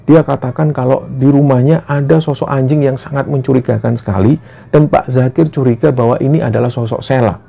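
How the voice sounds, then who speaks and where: A man tells a horror story in a steady, earnest way, often opening a sentence with "nah". His voice is very dark and mellow, with a gravelly, creaky texture, at a mid pitch. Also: fairly quick. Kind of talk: storytelling narration.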